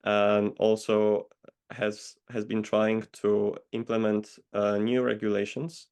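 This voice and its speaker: Gravelly low-voiced man. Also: completely flat delivery, a little mellow. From Poland. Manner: measured, hesitant with many pauses. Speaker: guest consultant. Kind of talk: interview answers. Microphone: video call.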